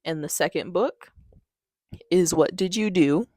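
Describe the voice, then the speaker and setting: A woman's voice: lowish voice, a little slow, a little mellow, no room sound, studio quality. A young woman chatting casually about a book haul in a bubbly, gushing, giggly way. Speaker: book vlogger.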